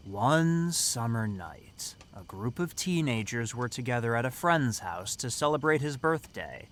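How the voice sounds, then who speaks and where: In an audio drama, a man plays a cocky teenage summer camp counselor teasingly telling a scary story with dramatic flair and suspense. His medium-pitched voice is animated and a bit bright, and he takes his time.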